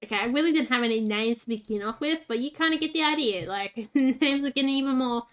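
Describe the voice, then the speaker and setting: Chatty woman with a high voice. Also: fast, a bit bright. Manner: chatty, talks fondly to the game's pets. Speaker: gaming channel host. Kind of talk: casual gameplay commentary.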